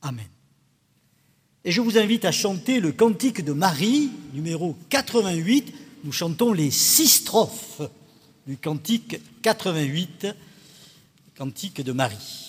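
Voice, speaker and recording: A man leading a Sunday service as pastor, reading scripture aloud in a measured, solemn way. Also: sits high, expressive, breathy edge. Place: church sanctuary. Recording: long church reverb, faint organ music.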